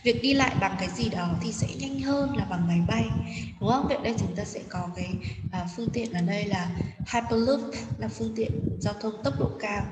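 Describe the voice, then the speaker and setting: A woman English teacher with a fairly high voice patiently explains a textbook exercise to her students. She pauses often with hesitation fillers and checks whether they're following. The room is echoey, the mic sits far off, and there's faint noise.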